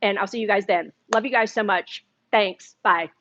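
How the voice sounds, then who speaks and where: A woman's voice: medium pitch, normal speed, a bit bright, no echo. Woman, cooking-class host, chatty live demo, talks with her mouth full; dry, slightly muffled sound. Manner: chatty, eats and talks at once. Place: shop kitchen.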